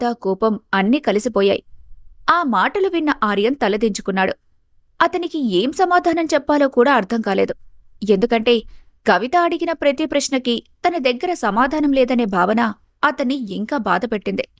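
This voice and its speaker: A woman storyteller reading a scripted family story in a steady, even way. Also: a little high, normal speed, no echo, studio quality.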